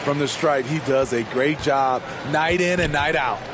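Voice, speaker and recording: A man's voice: fairly high pitch, unhurried, over a noisy crowd, heavy background noise. A man giving conversational, explanatory basketball analysis as a color commentator. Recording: loud music behind.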